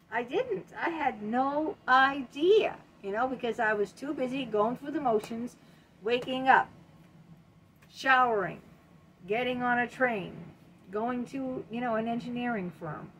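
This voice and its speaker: Speaking into a nearby desk webcam, a self-help host in her late fifties delivers a forceful motivational talk from a home room lined with bookshelves. Her voice sits high and is expressive, a little slow and a bit bright, with a little hiss or hum. She keeps repeating key words and sprinkling in "you know."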